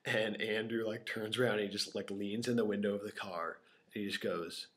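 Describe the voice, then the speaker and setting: A young male vlogger tells rambling, unscripted stories to his camera in a small empty room, full of fillers and sometimes dropping to a whisper. His voice is on the low side, steady and fairly bright, at a fairly quick pace, captured by the camera microphone.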